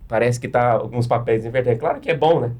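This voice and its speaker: A man's voice: mid-range voice, fast talker, darkish tone. A man with a Brazilian Portuguese accent, a pastor explaining step by step with practical examples in a panel discussion.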